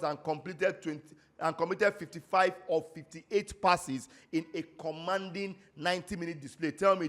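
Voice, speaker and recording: A man's voice: on the high side, a bit bright. A Nigerian man hosting a casual football roundup, chatty and stumbling over foreign names now and then, slipping into pidgin asides. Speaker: football show host.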